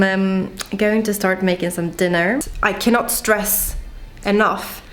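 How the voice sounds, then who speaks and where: A young woman talking casually in her home kitchen, chatty and full of "like", as a vlogger. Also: medium pitch. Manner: chatty, peppered with "like".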